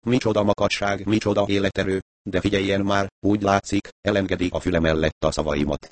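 Man voicing a calm, shrewd detective. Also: low voice, no room sound, lightly acted. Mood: calm reasoning. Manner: patient, mildly mocking reasoning.

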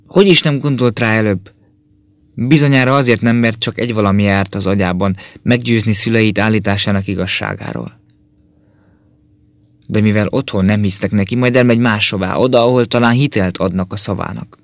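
A man narrating an audiobook in a calm, measured reading voice. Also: lowish voice, dry recording.

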